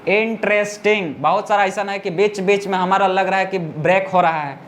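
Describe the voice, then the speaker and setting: A man teaching a classroom lesson in a high-pitched voice, breaking each rule down slowly and patiently. He keeps pausing to ask the students whether they have followed him. A faint hiss of noise sits under his voice. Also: steady tone, fairly bright tone. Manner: explains step by step, keeps checking students understand.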